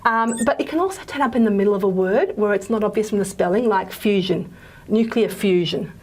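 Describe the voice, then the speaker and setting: A woman phonetics lecturer talks briskly in a mid-range voice during a relaxed recorded lecture on speech sounds, with a little hiss or hum in the background. Her delivery is loose and conversational, full of ums and "okay?" checks, and she sounds out example consonants at the board.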